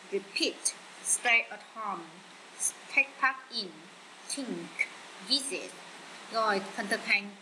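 A woman with a Vietnamese accent teaching English vocabulary, repeating each word slowly with many fillers. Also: medium pitch, bright, forceful tone, a little hiss or hum, rough recording. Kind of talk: slow bilingual vocabulary lesson.

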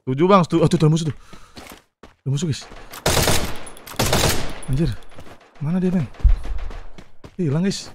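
A young man, streaming a game live and chatting with viewers, excitable and repeating short phrases in bursts. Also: fairly high pitch, normal speed, pauses often, noisy background. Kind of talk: casual live gameplay commentary. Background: keyboard clicks.

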